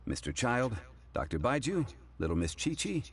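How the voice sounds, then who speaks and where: An actor playing an ancient, wise male scholar who speaks slowly, deliberately and formally. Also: medium pitch, huge pitch swings, husky, full character voice.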